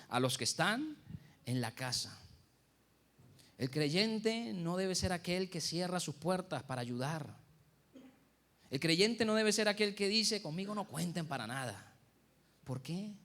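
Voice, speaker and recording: A man's voice: fairly high pitch, a bit bright. A middle-aged Colombian man, a pastor giving a Sunday school sermon full of rhetorical questions.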